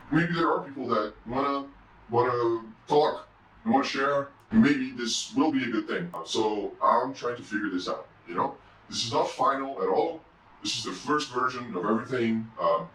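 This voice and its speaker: A man talking through a voice changer that shifts his voice deeper, speaking hesitantly in a casual confessional vlog from his room. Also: a bit bright. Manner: hesitant, rambling, many "you know"s. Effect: deep pitch-shifting voice changer. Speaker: indie game developer and vlogger. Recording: roomy and distant, faint hum.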